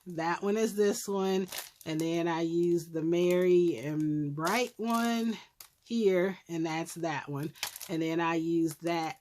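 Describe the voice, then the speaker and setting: A middle-aged woman casually showing her handmade crafts, slightly hoarse as she loses her voice, with a rambling manner full of ums and self-corrections. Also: lowish voice, fairly even intonation, slow pace, a little mellow, a little hiss or hum. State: losing her voice, clearing her throat. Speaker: crafting YouTuber. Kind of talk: casual craft show-and-tell.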